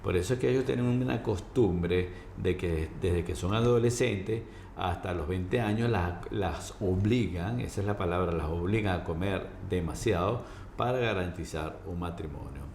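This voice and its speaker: Casting: male doctor as interview guest, deep voice, halting explanatory delivery, roomy sound. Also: a little mellow. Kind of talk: informal medical explanation in an interview. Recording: roomy echo, faint background noise.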